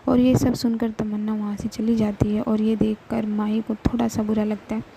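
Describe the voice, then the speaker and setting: A woman's voice: mid-range voice, level tone, moderate pace, creaky, background noise. A woman telling a love story in a casual, loose way with many fillers.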